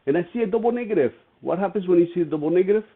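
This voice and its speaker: A man's voice: high-pitched, lively intonation, racing, breathy edge. A man teaching an algebra lesson, walking through each step and asking his students questions as he goes. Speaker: math teacher. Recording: tinny phone-like lo-fi audio.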